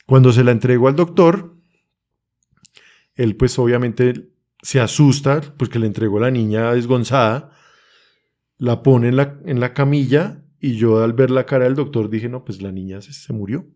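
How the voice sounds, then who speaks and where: A man's voice: mid-range voice, unhurried, dark tone. Earnest Colombian man telling a testimony. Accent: Colombian, Bogotá. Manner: earnest, urgent storytelling, reenacts his own pleas. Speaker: podcast guest giving testimony. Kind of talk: emotional personal testimony.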